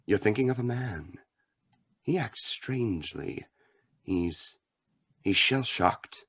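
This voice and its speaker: The Shadow, low, piercing, menacing avenger. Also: male voice, lively intonation, fairly bright tone, husky, full character voice. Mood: taunting, insistent. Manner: theatrical, taunting, deliberate dramatic pauses. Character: unseen menacing mind-reading avenger, mocking and all-knowing. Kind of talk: old-time radio drama acting.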